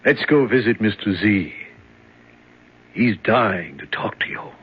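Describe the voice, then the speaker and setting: An actor in a 1970s radio drama, playing a chatty, falsely friendly jailer who fetches a prisoner. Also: male voice, fairly low pitch, expressive, measured pace, husky, full character voice. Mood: breezy. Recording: dull old radio broadcast.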